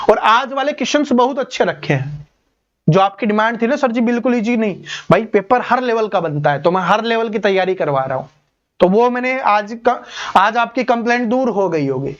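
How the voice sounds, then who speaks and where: High-voiced man teaching an exam class. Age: 30s. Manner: explains step by step, asking students rhetorical questions. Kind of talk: online exam-prep lesson. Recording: dull lo-fi recording.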